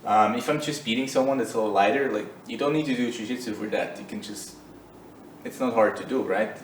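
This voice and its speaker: A man's voice: medium pitch, fairly quick, reverberant, far from the mic, a little hiss or hum, low-quality recording. A man teaching jiu-jitsu in a loose, conversational way while demonstrating on the mat. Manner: loose and conversational, many fillers. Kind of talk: casual instructional demo.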